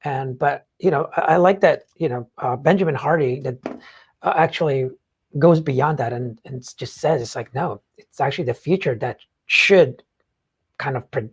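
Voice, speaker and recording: This talk show co-host, in a casual and opinionated chat, speaks bluntly and haltingly, often checking in partway through a thought and swearing casually. The voice is medium in pitch and slightly rough.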